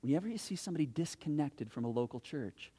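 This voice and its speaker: A man preaching a sermon as pastor in a church, animated, asking many rhetorical questions and swinging from loud to hushed. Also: fairly high pitch, quick pace, breathy edge.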